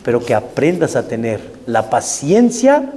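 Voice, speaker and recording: A man voicing a patient, calm elderly sage who speaks slowly and softly. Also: mid-range voice, big-room sound, pitched below the performer's own voice. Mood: calm, gentle. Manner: slow, soft, soothing.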